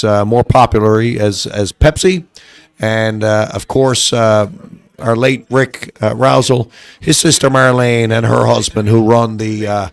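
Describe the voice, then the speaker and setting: A man commentating a curling match, chatting in a relaxed way with many fillers. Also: lowish voice, vocal fry, dry recording. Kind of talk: sports commentary.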